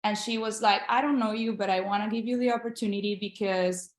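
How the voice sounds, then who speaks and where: Speaking over a video call, this international medical graduate, a young Spanish-speaking woman from Venezuela, is a guest in a casual interview. Her mid-range voice moves fairly quickly with fairly even intonation, and the sound is roomy. Earnest and encouraging, she frequently starts her sentences over.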